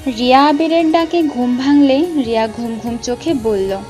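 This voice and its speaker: A woman's voice: high voice, normal speed, darkish tone. A woman narrator reading a scripted romantic story with music behind her.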